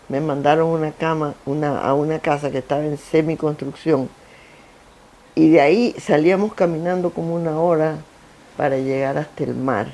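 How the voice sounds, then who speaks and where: An older woman from Guayaquil with an Ecuadorian coastal accent, telling stories about her work in a lively, anecdotal interview. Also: low-pitched. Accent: Ecuadorian coastal Spanish, Guayaquil. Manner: animated, anecdotal, lists with repetition. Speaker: interview guest, founder of a foundation. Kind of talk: conversational interview, storytelling. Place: theater stage.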